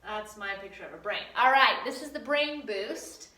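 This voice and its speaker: A woman's voice: fairly high pitch, animated, moderate pace, pushed and bright. A woman teacher giving a recorded homework lesson, chatty and playful with silly catchphrases. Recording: echoey room.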